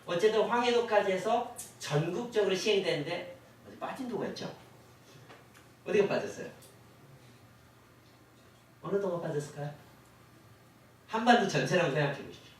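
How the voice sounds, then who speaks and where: Lively man lecturing in an echoey hall. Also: high voice, normal speed, long pauses. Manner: asks the audience questions, acts out quoted officials. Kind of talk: history lecture to a class. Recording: echoey hall, voice from far off, faint hiss.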